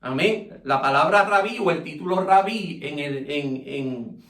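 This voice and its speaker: High-voiced preacher saying amén constantly. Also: male voice, measured pace, fairly bright tone. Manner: repeats "amén" constantly, stretches key words. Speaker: pastor teaching Bible study. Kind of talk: Bible study sermon. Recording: echoey room, distant from mic.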